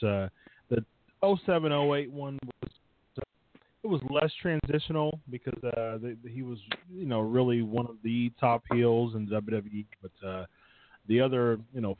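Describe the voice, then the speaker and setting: This medium-pitched caller rambles through a casual conversation about wrestling, with "uh" and "you know" everywhere. He comes through a thin, dry phone line that cuts in and out, with slight background noise.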